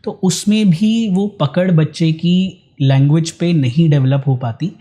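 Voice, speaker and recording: Mellow-voiced male ENT doctor explaining. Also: a little high, unhurried. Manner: calm, mixes Hindi with English phrases. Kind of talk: explanatory interview answers.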